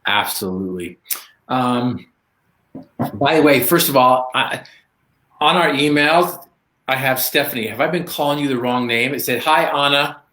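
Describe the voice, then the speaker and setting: A man giving a motivational talk as a guest speaker, lively and storytelling, acting out bits of dialogue. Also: mid-range voice. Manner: animated storyteller, acts out dialogue in quick voices. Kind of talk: motivational talk on a live stream. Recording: echoey room.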